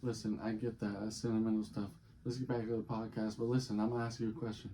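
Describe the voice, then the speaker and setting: A man's voice: fairly low pitch, level tone, fast talker, warm tone. A man hosting a casual podcast chat, talking in a blunt, profane way. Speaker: podcast host. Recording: muffled, noisy recording.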